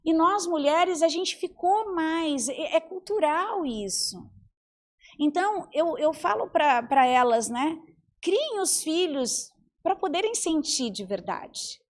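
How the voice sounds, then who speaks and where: A woman in her forties, a psychologist and mentor, talking in an animated way on a podcast and acting out the voices she quotes. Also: very high voice, takes it slowly. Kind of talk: podcast conversation.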